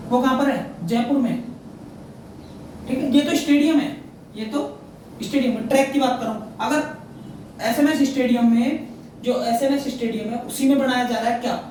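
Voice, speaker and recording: A man's voice: extremely high pitch, steady tone, moderate pace, pauses often, a little mellow. A man teaching an exam prep lesson, asking questions and answering them himself and repeating each fact. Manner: repeats facts, quizzes himself, frequent "theek hai na". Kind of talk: current affairs lesson. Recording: very echoey room, mic far off, faint noise.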